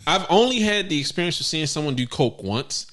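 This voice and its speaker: A young man co-hosting a podcast, chatting casually with animated, profane storytelling. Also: brisk. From United States. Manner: animated, profane, bursts into high exclamations. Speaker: podcast co-host. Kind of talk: casual chat.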